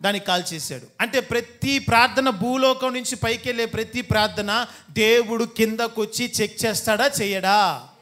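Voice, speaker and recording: High, bright-voiced male preacher questioning his flock. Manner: preaches with rapid rhetorical questions to the congregation; rising to emphatic exhortation. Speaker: pastor. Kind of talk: sermon. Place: church.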